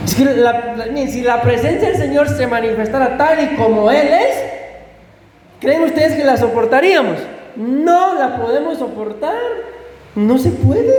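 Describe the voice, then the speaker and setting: Pastor preaching hard, keeps asking the church stuff, roomy echoey hall, faint background noise. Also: male voice, high-pitched, mellow. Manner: fervent, addresses congregation with questions. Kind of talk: sermon. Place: church sanctuary.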